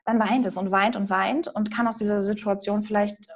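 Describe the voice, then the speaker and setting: Gentle woman coach, slightly dull audio. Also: mid-range voice, flat delivery, normal speed. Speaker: inner-child coach. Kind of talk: podcast interview answers.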